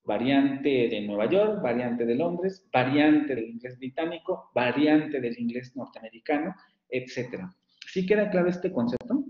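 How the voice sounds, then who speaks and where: A man's voice: medium pitch, animated, measured pace. A man giving an online university lecture, explaining step by step and often checking that his students follow. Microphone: computer mic on video call. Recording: echoey, dull lo-fi call audio.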